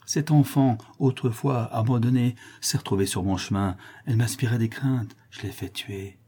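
A man voicing a cruel, scheming male notary who confesses his crimes and then grows frantic, with a dark husky voice. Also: medium pitch, fairly even intonation, moderate pace, close to an everyday voice. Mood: confessing coldly. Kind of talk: audiobook character reading.

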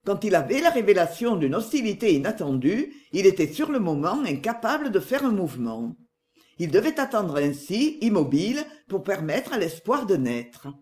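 Expressive audiobook narrator, scripted reading, animated pitch, mid register. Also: normal speed.

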